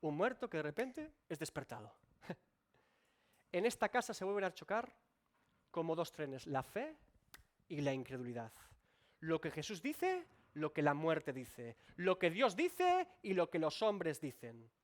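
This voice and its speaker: A male pastor delivers a sermon in a fairly high voice. His pitch swings widely, rising and falling as he presses his points. He speaks directly to the congregation. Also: sing-song, a little slow. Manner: emphatic preaching with sweeping rises and drops. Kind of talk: expository sermon. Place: church.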